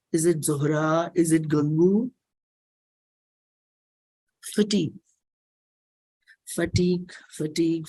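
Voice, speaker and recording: An Indian-accented performer and singer delivers a personal play script as a dramatic reading, deliberately, with pauses and repetition. The mid-range voice is a little mellow and husky, and the audio quality is poor.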